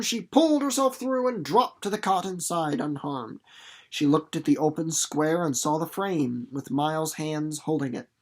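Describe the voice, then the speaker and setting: A man with a fairly high voice reads a story aloud with expression, then explains it casually, taking on an animated, folksy, playful teacher's manner.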